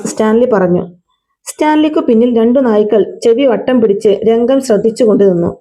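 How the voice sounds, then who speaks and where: Woman narrating a story, bit high pitched, warm mellow tone, steady pace, close mic. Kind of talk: reading a novel aloud with dialogue.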